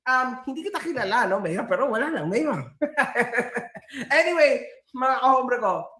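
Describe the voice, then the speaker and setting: A man's voice: extremely high pitch, big pitch swings, normal speed, fairly bright tone, roomy sound. A man from San Pablo, Laguna, in the Philippines, talking to his viewers in a boisterous, joking way, laughing often and swearing casually. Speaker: vlogger.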